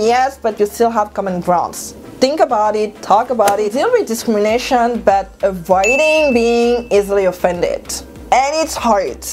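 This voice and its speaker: Young woman from Cameroon, vlogger on a lapel mic at home, lively and emphatic, pitch leaps on key words. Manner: animated, gestures a lot, jumps up in pitch for emphasis. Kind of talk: talking to camera, motivational advice. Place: bedroom at home, indoors. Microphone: clip-on lapel mic.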